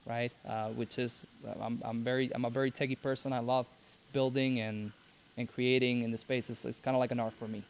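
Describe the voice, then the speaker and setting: A young man from Cuba, raised in Mexico, speaking as a podcast guest in a halting way with many restarts. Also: mid-range voice. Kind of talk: casual interview.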